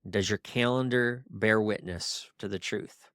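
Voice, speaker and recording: Middle-aged male podcast host, low voice, firm and exhorting with rapid-fire questions, dry close recording. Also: a bit bright, no echo. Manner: firm, exhorting, drill-sergeant tone. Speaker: podcast host and ministry coach. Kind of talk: podcast monologue.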